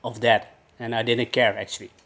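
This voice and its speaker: A man in his thirties, born in the Netherlands, answering interview questions hesitantly with many pauses. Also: mid-range voice. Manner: hesitant, many fillers, flat delivery. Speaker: guest, personal trainer. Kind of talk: casual interview.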